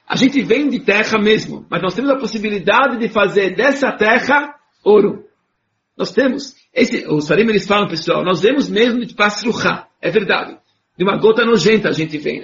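A man's voice: sits high, fairly bright tone. A man giving a religious lesson, reading lines of text aloud and then explaining them with rhetorical questions and little chuckles. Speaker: religious teacher. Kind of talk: Torah lesson, reading Hebrew and explaining in Portuguese. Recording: dull lo-fi recording.

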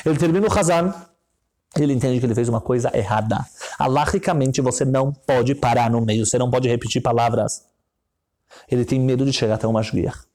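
Speaking a little fast with a darkish tone, a man preaches a story-style sermon, swelling to emotional heights and sinking back down while occasionally chanting brief prayer lines.

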